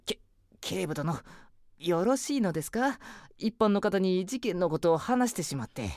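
A woman's voice: fairly low pitch, animated, moderate pace, a little mellow, no room sound. A woman playing a deferential, nervous rookie police subordinate in an audio drama, formal and hesitant with a slight stammer.

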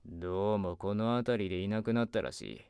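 A man's voice: fairly low pitch, animated, a little fast, darkish tone, clear, resonant tone, no room sound, studio quality. A man playing a laid-back, wry private detective in an audio drama, talking in a cool, casual noir manner. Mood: cool, bargaining.

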